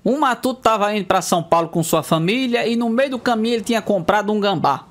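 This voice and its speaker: Comic storyteller, male, from Northeast Brazil, high voice, leaps into squeaky character voices. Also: lively intonation, fast, background noise. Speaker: comedian. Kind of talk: joke telling.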